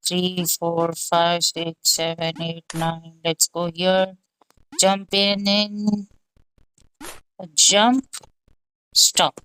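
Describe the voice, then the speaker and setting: A woman's voice: lowish voice, level tone, very slow, pauses often, bright, forceful tone, smooth, low-quality recording. A young woman hosting a gaming channel, thinking aloud through gameplay commentary in a muttering, exasperated way.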